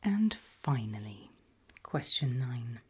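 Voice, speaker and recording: A woman whispers through an ASMR roleplay as the calm, politely sinister HR interviewer of an evil organisation. Her pitch swings widely, though her delivery stays deliberate and measured, with pauses and soft murmuring. The sound is breathy, dipping into low, gentle murmurs.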